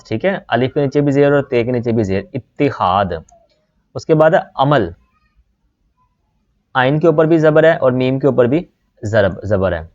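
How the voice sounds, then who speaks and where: A man's voice: mid-range voice, a little mellow. A man from Pakistan who teaches online, walking his students through exam questions one word at a time and often saying "beta" and "theek hai". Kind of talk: exam-prep lesson, word by word. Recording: slightly dull lo-fi audio.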